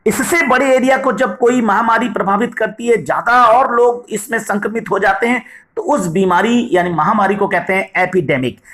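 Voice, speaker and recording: Male English vocabulary tutor, patient explainer who slows down on English examples. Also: sits high, a bit bright. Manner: addresses viewers as "sahab", frequent "right?". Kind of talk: video vocabulary lesson.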